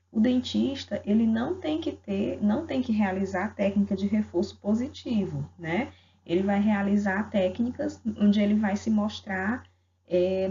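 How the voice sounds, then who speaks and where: A woman's voice: medium pitch, mellow. A woman with a Brazilian Portuguese accent explaining an exam question on pediatric dentistry as a lecturer, often adding tag questions. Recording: dull lo-fi audio, faint background noise.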